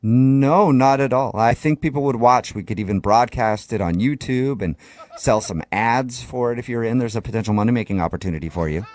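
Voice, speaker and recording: Deadpan man pranking by phone. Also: medium pitch, a little fast, dry recording. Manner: deadpan, sly, stifling laughs. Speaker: radio prank caller. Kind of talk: prank phone call posing as a doctor.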